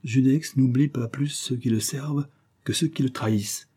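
A man voicing a stern, mysterious avenger in a storybook reading, solemn and measured. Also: mid-range voice, fairly even intonation, warm tone, breathy edge, pitched above the performer's own voice, natural voice. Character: stern mysterious male avenger, cool and commanding.

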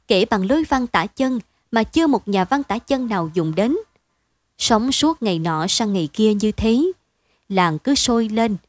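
A woman's voice: on the high side, darkish tone, dry recording. Dry, close woman narrating a bedtime story.

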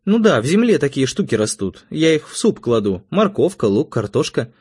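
A man voicing a brisk, wry, teasing wife in an audiobook, with a raised voice and a businesslike tone. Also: medium pitch, sing-song, a little mellow, husky, pitched above the performer's own voice. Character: brisk, teasing wife, middle-aged woman. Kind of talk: audiobook character voice.

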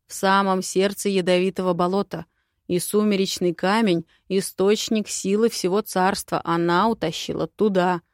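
A calm, earnest dragon prince, read by a woman. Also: mid-range voice, normal speed, dry recording, clean studio sound, natural voice. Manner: steady, earnest persuasion.

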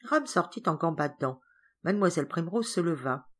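Expressive woman reading an audiobook. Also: on the low side, slightly rough. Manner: expressive, measured storytelling. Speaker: audiobook narrator. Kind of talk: audiobook reading of a classic novel.

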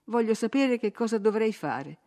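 Willful young lady, as a woman reads her high and emphatic. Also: normal speed. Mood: anxious pleading. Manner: emphatic, excited, insistent. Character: impetuous, willful young woman, pleading and proud.

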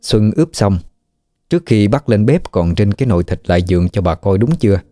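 A man narrating a ghost story in a steady, measured way. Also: lowish voice, no room sound, studio quality, faint music behind.

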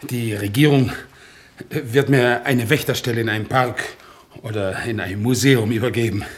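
Andreas Pum, an actor as a dutiful crippled veteran. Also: male voice, medium pitch, normal speed, lightly acted. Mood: zealous. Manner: earnest, excitable, stiffly dutiful. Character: crippled, devout, obedient war veteran on crutches. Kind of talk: 1960s radio drama acting.

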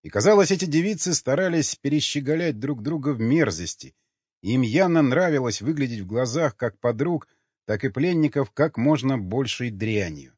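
A man reading an audiobook in a steady, measured narration. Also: medium pitch, husky, no echo. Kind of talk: scripted narration. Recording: dull lo-fi audio with faint music.

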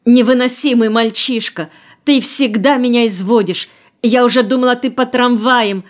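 Woman voicing a shrill, frantic young woman. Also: fairly even intonation, normal speed, close to an everyday voice. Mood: shrill scolding. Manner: shrill, scolding.

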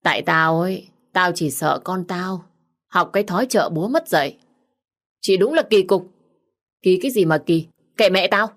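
A woman's voice: lowish voice, animated, moderate pace. A woman voicing a coarse, spiteful elder sister who talks rudely and sneers. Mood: scornful. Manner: rude, sneering.

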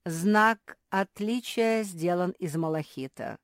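A woman's voice: on the low side, lively intonation, slow, no room sound, clean studio sound. A woman voicing a sly old male shopkeeper with ingratiating, sing-song sales patter, in an audiobook. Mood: wheedling. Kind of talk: audiobook character voice.

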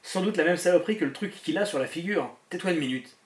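A man's voice: lively intonation, quick pace, close to an everyday voice. Man voicing a tense, contained man. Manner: low, contained, terse. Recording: roomy echo.

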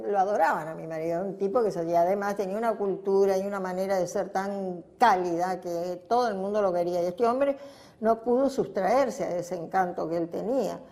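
An older Argentine-accented woman with a warm, mid-range voice speaks briskly in an interview, offering personal testimony. Her recollections are reflective and spontaneous, and she repeats things for emphasis.

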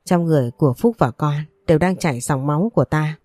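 A woman's voice: deep voice, fast, dark tone, no echo. A woman reading as a remorseful returning father. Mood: pleading. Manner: pleading, apologetic. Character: remorseful middle-aged father returning home.

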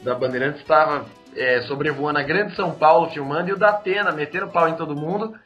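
A Brazilian man journalist telling a newsroom anecdote casually, with halting restarts. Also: a little high, fairly bright tone. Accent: Brazilian Portuguese. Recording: muffled audio with faint music.

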